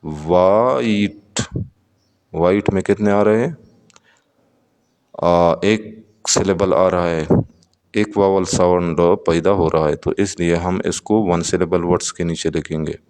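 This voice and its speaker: A Pakistani man teaches an English vocabulary lesson slowly, word by word, repeating terms and asking his students questions. His deep, smooth voice is steady and darkish, echoing in a large hall.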